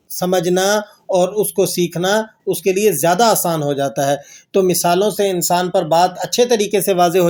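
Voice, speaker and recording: A man teaching Quran recitation, who asks questions and answers them himself and slowly draws out the verses he recites as examples. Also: sits high, a little mellow. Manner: slow drawn-out recitation of verses. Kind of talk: tajweed lesson with recited examples.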